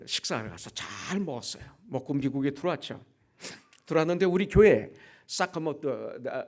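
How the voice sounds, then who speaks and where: A pastor in his sixties preaching a sermon, telling a personal story and acting out the dialogue in it with shifts in pitch and volume. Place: church sanctuary.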